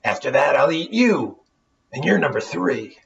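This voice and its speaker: A man voicing a gruff, hungry male beast in a storybook reading, growling and greedy. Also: a little high, big pitch swings, unhurried, distant mic, full character voice. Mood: menacing. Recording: dull lo-fi with faint noise.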